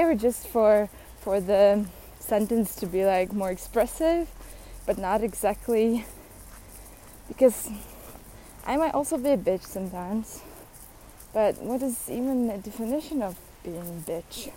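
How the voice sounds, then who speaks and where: Young woman, slow chatty rant, mellow voice, blunt, swears. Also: mid-range voice, a little hiss or hum, low-quality recording. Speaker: vlogger. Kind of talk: casual venting monologue.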